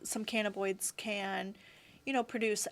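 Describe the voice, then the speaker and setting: A woman in her thirties appears as a guest in a casual interview chat. Her medium-pitched voice stays steady at a moderate pace, and she's chatty and rambling, filling gaps with "like" and "you know."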